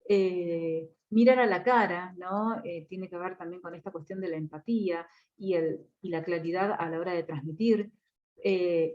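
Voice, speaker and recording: Woman lecturing, dull lo-fi sound. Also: lowish voice. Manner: explanatory, frequent tag questions and hesitation fillers. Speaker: course instructor. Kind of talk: recorded online course lecture. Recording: dull lo-fi audio.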